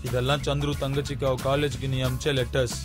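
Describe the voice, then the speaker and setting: An actor playing a relaxed young man, a loyal friend who teases dryly. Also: mid-range voice, quick pace, natural voice. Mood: threatening. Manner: relaxed, shrugging, dry teasing. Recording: film soundtrack with loud music.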